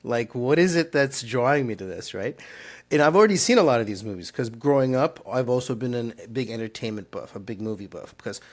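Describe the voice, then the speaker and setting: A middle-aged man from Turkey tells his story in a relaxed interview. He talks earnestly, in long rambling stretches full of fillers and restarts. His voice sits at an ordinary middle pitch. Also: brisk. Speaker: startup founder and CEO.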